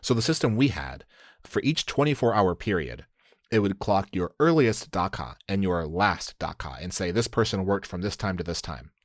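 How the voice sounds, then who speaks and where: A man's voice: low-pitched, dry recording, clean studio sound. A man hosting a language podcast, explaining slang step by step in a casual, laughing way. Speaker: podcast host teaching slang. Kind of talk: casual teaching chat.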